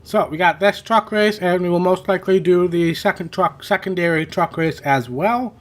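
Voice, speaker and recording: A gaming channel host with a high voice rambles casually over a racing game at a moderate pace, chatty and self-correcting. His voice shows the wear of hours spent talking.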